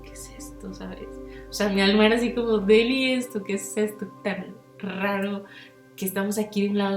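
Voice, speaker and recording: Her mid-range voice sounds roomy as this young Mexican woman tells a personal story on her podcast. She keeps it casual and slangy, animatedly acting out quotes with big jumps in her voice.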